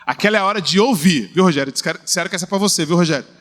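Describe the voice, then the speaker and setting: A middle-aged man preaching a sermon in a lively, humorous way, acting out little scenes. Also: sits high, rapid-fire. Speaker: pastor.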